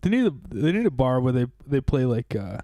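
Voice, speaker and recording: A man's voice: mid-range voice, sing-song, fairly quick, warm tone, no echo. A man co-hosting a casual sports stream, laid-back and agreeable, with some swearing. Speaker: stream co-host. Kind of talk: casual watch-along chat.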